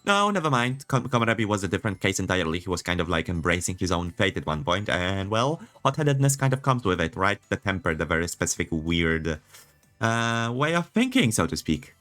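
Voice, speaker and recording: Low-voiced man with hammy, swooping amateur delivery. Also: sing-song, a little fast, fairly bright tone. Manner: rambling, self-interrupting, repeats words. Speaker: gamer reading a visual novel aloud. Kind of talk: casual playthrough commentary mixed with reading dialogue aloud. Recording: music behind the voice.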